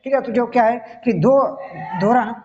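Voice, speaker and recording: A man's voice: very high-pitched, steady tone, normal speed, darkish tone, a little hiss or hum. A man giving a grammar lesson step by step, often stopping to check that the listener is following. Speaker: Hindi grammar teacher. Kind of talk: classroom-style video lesson. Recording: dull lo-fi recording.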